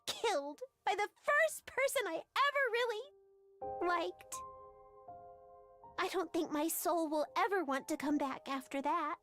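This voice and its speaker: An actress voicing a manic, cheerful young woman in a game, speaking softly and wistfully in a high girlish voice, with game music faint behind her. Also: lively intonation, a little slow, exaggerated voice. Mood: sorrowful. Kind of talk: game voice acting.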